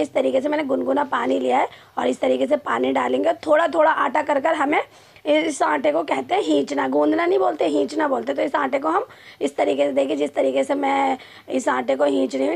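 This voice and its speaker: A woman with a high voice and a strongly gravelly, creaky edge hosts a home cooking lesson. She talks in a steady, repetitive, instructive way, narrating each step as she kneads dough in a home kitchen. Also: brisk. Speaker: cooking channel host. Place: home kitchen with a clay stove.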